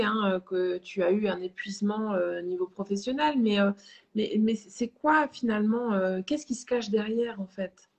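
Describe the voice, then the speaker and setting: A woman's voice: medium pitch, darkish tone. Woman host of a live interview show, chatty, encouraging, filler-heavy.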